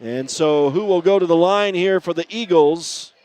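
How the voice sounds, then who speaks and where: A man calling a high school basketball game play-by-play, chatty and often correcting himself on air. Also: normal speed, darkish tone. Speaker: play-by-play announcer.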